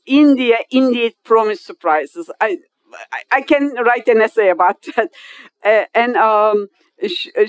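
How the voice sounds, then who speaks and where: A Turkish woman in her fifties, a guest speaker at an inauguration, gives a formal speech in non-native English with a Turkish accent. She speaks haltingly, full of hesitations, restarts and loose grammar. Her voice is on the high side and smooth, in a dry recording.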